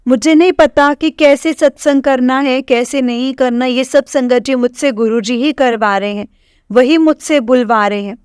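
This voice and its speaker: Earnest Punjabi woman, smooth higher voice. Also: fairly even intonation, normal speed, a little mellow, dry recording, studio quality. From Punjab, India. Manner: earnest, emotional, repetitive phrasing. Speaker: devotee sharing testimony. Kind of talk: devotional testimony to the congregation.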